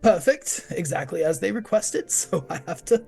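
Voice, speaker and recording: A nervous fantasy monster hunter, acted by a man at a game table, with a gravelly creak in his voice. He stammers and hedges evasively, his pitch swinging widely, over faint music. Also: expressive, a little mellow, heavily acted. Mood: flustered, insistent. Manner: stammering, halting, hedging.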